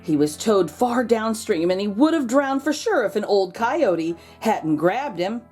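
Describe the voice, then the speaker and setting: A woman's voice: mid-range voice, very animated, a little slow, darkish tone, slightly rough, faint music behind. A woman reading a children's picture book aloud expressively, drawing out key words for emphasis. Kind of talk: expressive storybook read-aloud.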